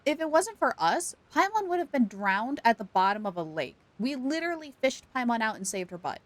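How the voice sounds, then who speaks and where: A young woman livestreams a video game, chatting casually with a slightly high, very animated voice. She talks briskly and playfully, giggling and exclaiming as she gives her stream commentary.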